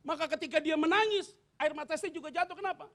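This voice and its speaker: High-pitched pastor preaching, joking around, gets loud then drops real quiet. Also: male voice, fast. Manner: animated and joking, swings from loud to hushed. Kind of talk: sermon.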